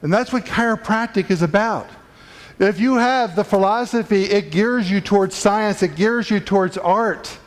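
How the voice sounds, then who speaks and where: In a conference room, a man with a high voice speaking at normal speed gives fellow professionals a preachy, emphatic motivational talk, steadily raising its intensity. He is a chiropractic speaker addressing a live audience.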